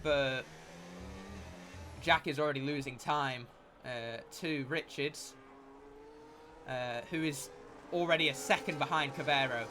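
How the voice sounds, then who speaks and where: A man giving live motorsport commentary as a race commentator, with an excitable delivery that rises at incidents. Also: medium pitch, measured pace, long pauses, background noise.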